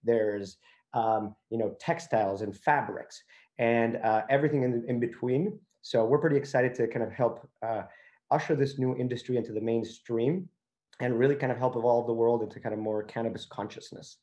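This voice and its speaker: In a muffled recording, a Venezuelan company founder speaks on a panel in a mellow, mid-range voice at a moderate pace. He is conversational and hedges a lot, peppering his talk with "you know" and "kind of."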